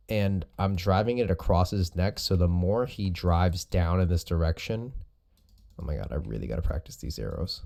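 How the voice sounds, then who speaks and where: A man's voice: sits low, dark tone. A man speaking as a host and coach, giving casual, informal explanatory commentary over recorded sparring footage. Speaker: host and jiu-jitsu coach.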